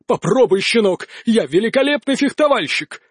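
A man voicing an arrogant, cowardly nobleman duelist who shouts boasts and then begs. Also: very high-pitched, animated, normal speed, husky, dry recording, clean studio sound, pitched above the performer's own voice, heavily acted. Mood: blustering.

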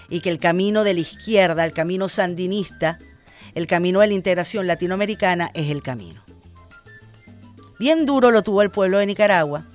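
A radio host with a Venezuelan accent giving impassioned political commentary, repeating phrases for emphasis. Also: mid-range voice.

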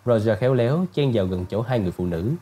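A male narrator reading an audiobook in a steady, even storytelling voice. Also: fairly low pitch, fast talker, faint music behind.

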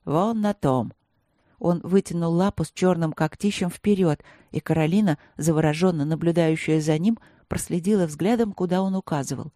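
Audiobook reader, even measured fantasy narration, dark voice, dead dry room. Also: mid-range voice, no echo.

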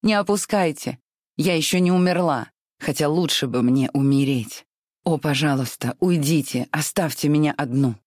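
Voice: medium pitch, moderate pace, darkish tone, no echo, studio quality, close to an everyday voice. A reader voicing a spoiled, willful young widow who pleads and flares up petulantly. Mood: furious. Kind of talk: audiobook reading.

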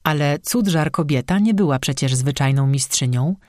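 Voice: mid-range voice, moderate pace, darkish tone, dry recording. Dry, close audiobook narrator. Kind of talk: scripted storybook narration.

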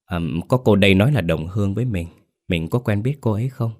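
A man voicing a polite, gentle young wife speaking to her husband. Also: fairly low pitch, brisk, close to an everyday voice.

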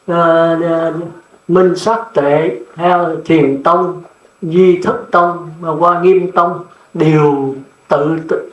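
A man's voice: high-pitched, echoey room, dull audio. An older man, a Buddhist monk, giving a blunt, plain-spoken dharma sermon that often checks in with the listeners.

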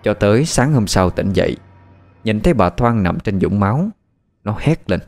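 A man tells a dark tale, his low voice rising and falling a good deal. The storytelling is steady and dramatic. Faint music sits behind him. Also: moderate pace, vocal fry.

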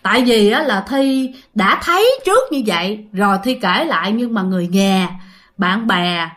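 A woman's voice: mid-range voice, animated, normal speed, fairly bright tone. A woman hosting a ghost story channel, telling stories in a chatty, conversational way with many filler words. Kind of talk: casual spoken storytelling.

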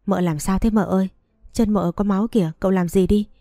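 A woman's voice: medium pitch, fairly even intonation, brisk, dark tone, no room sound, clean studio sound, lightly acted. A woman reading the lines of a frantic, tearful housemaid. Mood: panicked.

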